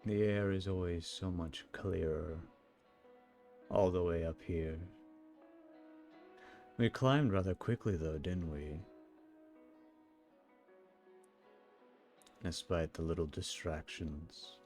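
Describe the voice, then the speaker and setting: A man playing a calm, wistful ancient sun champion, speaking slowly and solemnly in a live role-play. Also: deep voice, faint music behind. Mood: reflective. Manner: slow, reflective, solemn storytelling.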